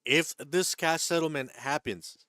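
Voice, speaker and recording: A man's voice: on the high side, measured pace, pushed and bright, dry recording. Man hosting a dry live-stream Q&A. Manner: hedging, repeats himself, checks in with "right?" and "okay?"; reads viewer chat aloud and answers it. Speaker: stock trading livestream host. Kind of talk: live-stream Q&A, explaining market rules.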